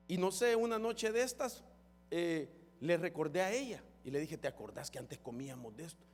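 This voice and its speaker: A man's voice: high-pitched, darkish tone. A man preaching a fervent sermon as pastor, often calling his listeners brother. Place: church hall. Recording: long church hall reverb.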